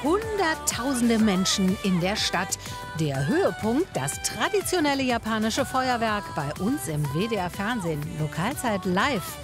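A woman announcing a TV promo in a punchy, excited voice-over. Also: on the high side, unhurried. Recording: voice-over over loud music.

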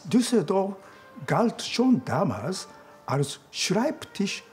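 Slow-spoken older Japanese-accented man. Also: high-pitched, big pitch swings, soft background music. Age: 60s. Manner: slow, thoughtful, with soft laughs. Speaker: interviewee. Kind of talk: interview answers.

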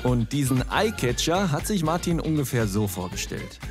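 A man reading scripted TV voice-over narration in a smooth, explanatory way. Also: mid-range voice, very animated, normal speed, music in the background.

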